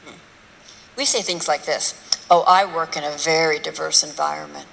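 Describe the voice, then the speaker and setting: A woman speaks to a live audience in a lecture hall. Her voice is bright and forceful, and she talks bluntly, with rhetorical questions and mocking asides. The sound rings with long reverb and faint room noise around it. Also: deep voice, fairly even intonation, moderate pace, creaky. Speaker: speaker giving a talk on race.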